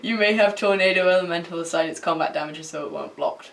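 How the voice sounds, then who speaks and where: A woman's voice: on the low side, fast, creaky. A woman co-hosting a casual chat, teasing her partner with dry quips. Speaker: co-host.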